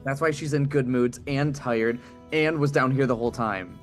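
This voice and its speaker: Male game player, average pitch, casual joking table banter, light music underneath. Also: moderate pace.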